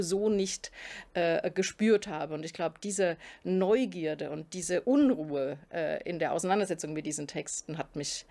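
A middle-aged philosophy professor from southern Germany answers interview questions to camera in an indoor studio in front of a curtain. Her voice is lowish and a little mellow. She is thoughtful and often pauses to search for words, with frequent hesitations and restarts.

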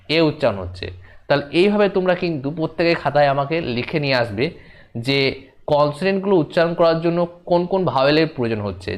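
Male teacher, fairly high voice, slow and repetitive, talks straight to the class. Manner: slow, repeating points, addressing students directly. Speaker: teacher giving a demo class. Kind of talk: classroom lesson.

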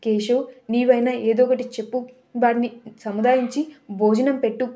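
A woman's voice: on the high side, steady tone, moderate pace, mellow, natural voice. A woman voicing a worried, caring older woman appealing for help in a storybook retelling. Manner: anxious, appealing.

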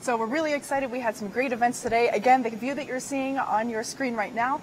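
Higher-voiced woman hosting a live launch webcast. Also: fairly even intonation, fairly quick, slight background noise. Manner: explanatory, conversational. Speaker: webcast host.

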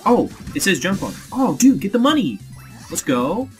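Young man, let's play host, lively swooping voice, quick excitable reactions, casual commentary. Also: high-pitched, soft background music.

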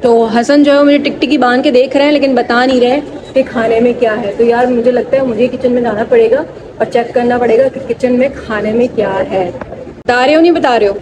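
A woman's voice: on the high side, steady tone, fairly quick, noisy background. A young woman, chatting casually to her phone camera as she walks through her home. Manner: chatty, talks straight to camera. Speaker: vlogger. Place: home rooms and kitchen, indoors. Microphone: phone camera at arm's length.

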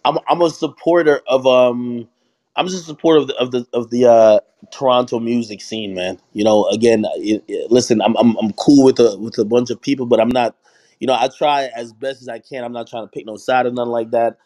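A man's voice: mid-range voice, steady tone, fairly quick, darkish tone. A young man from Jamaica, a hip hop media host, talking in a casual group voice chat, rambling with many restarts and "you know what I mean" fillers. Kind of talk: casual audio chat room conversation.

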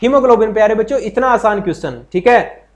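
A high-voiced man runs a live online exam-prep class. He is chatty and encouraging, repeats every point and keeps asking his students questions. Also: lively intonation, quick pace. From Haryana, India. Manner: greets viewers and reads their comments aloud. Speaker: teacher.

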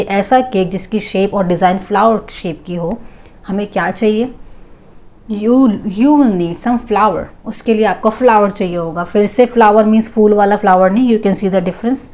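A woman teaching a grammar lesson, explaining in Hindi and reading English example sentences out slowly. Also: mid-range voice, a little mellow.

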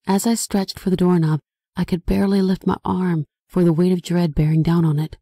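A woman author reading her own horror novel aloud as audiobook narration, in a dramatic, expressive style. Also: on the low side, a little fast, husky, no echo.

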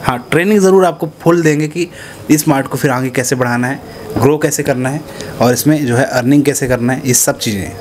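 Hindi-speaking man pitching, chatty. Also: fairly quick. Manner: conversational, repeats "है ना" and "ठीक है" tags. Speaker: business consultant pitching supermarket setup. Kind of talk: casual direct-to-camera pitch. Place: small indoor office room. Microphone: handheld clip mic held near chin.

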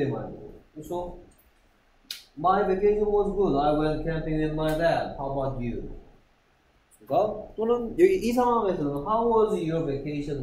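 A male English teacher going through a textbook dialogue in a classroom lesson. He reads the English lines slowly and deliberately and keeps asking his students whether they follow. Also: a little high, darkish tone, slight background noise.

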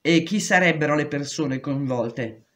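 A woman's voice: deep voice, measured pace. A woman reading aloud, voicing a frightened pregnant young woman in prison who pleads urgently. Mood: pleading. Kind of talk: audiobook reading.

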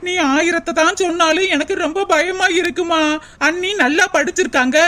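A woman's voice: extremely high pitch, moderate pace, pushed and bright. A woman voicing a tearful young village wife. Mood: worried. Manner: tearful, pleading. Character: young married village daughter, uneducated and self-doubting. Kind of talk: cartoon voice acting.

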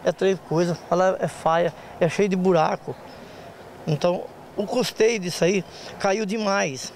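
Unhurried and darkish in tone, a high-voiced older man with a Brazilian Portuguese accent talks into a handheld reporter mic, a little hiss or hum audible. He heads a market association and speaks plainly in rural fashion, repeating words, during a street interview at an open-air market lot.

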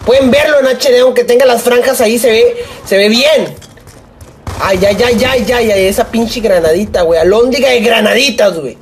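A young man with a Mexican accent giving live gameplay commentary, swearing, joking in rambling asides and yelling at opponents. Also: very high-pitched, normal speed, a little hiss or hum. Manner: profane, excitable, yells at opponents. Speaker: gaming YouTuber.

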